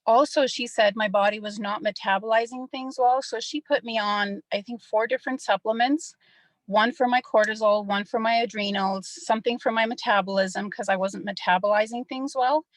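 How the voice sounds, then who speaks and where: A woman's voice: fairly high pitch, fairly even intonation, normal speed, no room sound, rough recording. A middle-aged woman, somewhat nervous, giving a personal testimonial on a group call.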